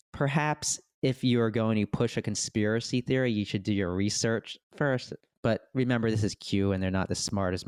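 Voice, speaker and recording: A man co-hosting a casual podcast, talking in an animated way with quick asides and restarts. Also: fairly low pitch, clear, resonant tone, no room sound, studio quality. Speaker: podcast co-host.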